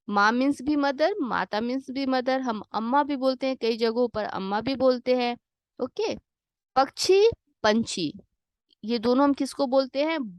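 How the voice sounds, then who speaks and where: A woman with a somewhat high voice walks young learners through a worksheet. She is patient, poses a question, then supplies the answer herself. She slips English meanings in as she goes, recorded close and dry. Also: smooth, no echo. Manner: mixes English glosses into her explanations. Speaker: Hindi teacher for children. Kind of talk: worksheet lesson voice-over.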